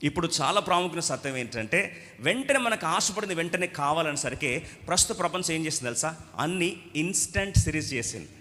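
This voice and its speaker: A male preacher delivers a sermon with a bright, forceful tone and a fairly high voice. He questions his listeners and acts out quoted speech. His voice rings through a hall with a long reverb. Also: animated, a little fast.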